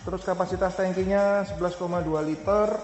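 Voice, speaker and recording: A man's voice: high voice, steady tone, fairly quick, darkish tone, echoey room, in a large hall, soft background music. A man casually showing off a motorcycle, listing its features and specs in a chatty way with fillers and self-corrections. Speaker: motovlogger reviewing a motorcycle. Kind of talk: casual product walkaround.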